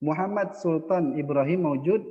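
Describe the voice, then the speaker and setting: Male online teacher, higher voice, patient, echoey and muffled sound. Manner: patient, adds "ya" after most phrases. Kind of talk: online Arabic lesson.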